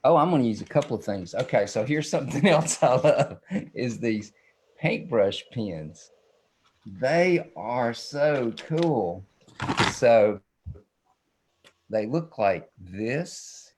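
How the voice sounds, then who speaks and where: Here a male illustrator of children's books speaks slowly and playfully while demonstrating drawing, folksy and self-described as silly. His mid-range voice has lively intonation and a slightly mellow quality, with a little hiss or hum in the recording.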